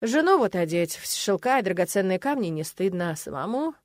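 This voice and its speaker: A woman reading the lines of a calm, reserved young male necromancer in a terse, mild, understated way. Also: mid-range voice, brisk, dry recording, lightly acted.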